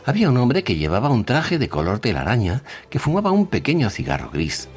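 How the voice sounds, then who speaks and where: A man reading a story aloud in an expressive narrating style. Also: medium pitch, fairly quick, faint music behind.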